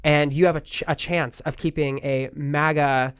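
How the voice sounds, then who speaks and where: A young man in casual political talk, earnest and reflective, thinking out loud. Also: a little high, steady tone, normal speed, clean tone. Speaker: podcast host.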